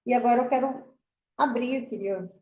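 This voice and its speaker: A Brazilian woman with a fairly high voice speaks to an online circle of women with open, earnest feeling. Her pace surges and then slows as she tells her story. The room around her is roomy and echoey. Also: dark tone, a little hiss or hum. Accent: Brazilian Portuguese. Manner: earnest and emotional, speeding up and slowing down in bursts. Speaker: host of an online women's spiritual meeting. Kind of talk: heartfelt personal testimony to an online group. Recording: roomy echo.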